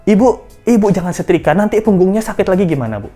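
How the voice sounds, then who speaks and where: A woman's voice: mid-range voice, animated, quick pace, dark tone, soft background music, natural voice. A woman voicing a young male police aide who eagerly and politely insists on helping. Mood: eager pleading. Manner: pleading, over-polite insistence.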